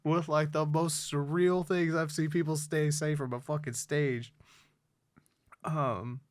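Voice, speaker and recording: A man's voice: steady tone, slow pace, dry recording. Male podcast host, casual chat, profane, rambling, dry close sound. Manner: rambling, profane, many fillers, drops low when somber.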